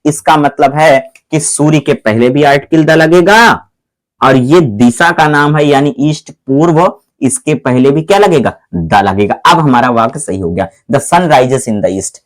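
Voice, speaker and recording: A man teaching English grammar in a classroom style. He keeps asking the pupils whether they have understood, calls them "my children", and reads the English examples slowly. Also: on the high side. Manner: slows right down to read English examples aloud.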